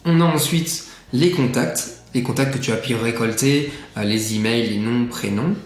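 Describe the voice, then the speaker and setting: A man casually walking the viewer through a software tutorial, chatty and full of filler sounds. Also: mid-range voice, moderate pace. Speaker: tutorial presenter. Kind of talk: casual screen-share tutorial. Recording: echoey room, faint music.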